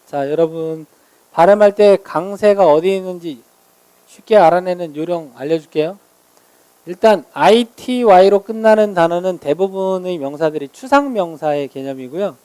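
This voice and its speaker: A man teaching English vocabulary in a lecture, explaining meanings and slowly modeling each word's pronunciation. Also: sits high, dark tone, clean tone, no room sound.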